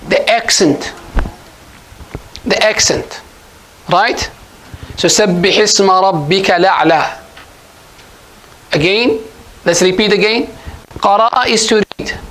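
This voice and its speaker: A man's voice: high-pitched, fairly bright tone, low-quality recording. A man teaching an Arabic grammar class at a mosque, patient and repetitive, often quizzing his students. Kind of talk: classroom lesson.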